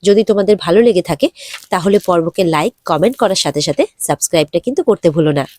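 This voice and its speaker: A woman's voice: on the low side, fast talker, darkish tone, no echo. A woman narrating an episode recap, retelling the characters' lines with light emotion.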